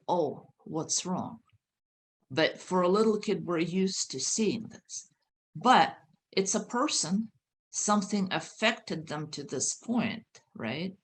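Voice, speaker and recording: Low, slow-talking woman host. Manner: hesitant, many fillers, earnest. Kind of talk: explanatory talk on a video call.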